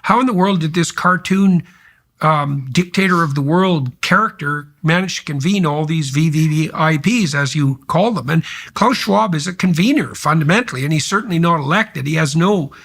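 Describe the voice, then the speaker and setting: A man's voice: fairly high pitch, moderate pace, vocal fry, a bit bright. A middle-aged man hosting a podcast, talking in emphatic, sweeping, sardonic commentary. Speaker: host. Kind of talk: podcast conversation.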